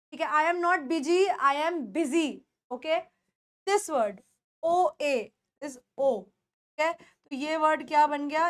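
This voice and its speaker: A woman teaches pronunciation in a classroom lesson, her voice high and her pace unhurried. She says each word again and again and keeps checking whether her students have understood. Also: sharp tone. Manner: drills words by repeating them and asks students checking questions.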